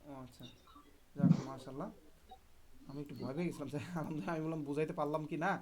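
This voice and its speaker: A man's voice: a little high, fairly even intonation, fast, darkish tone. A man teaching Quran reading in an online group lesson, patient and encouraging, often checking whether students follow.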